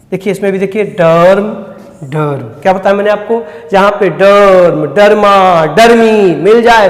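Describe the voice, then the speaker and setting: A man teaching vocabulary at an unhurried pace. His voice sits fairly high. He asks questions and answers them himself, in an echoey room with a long reverb. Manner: repeats key words slowly. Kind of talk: vocabulary lesson.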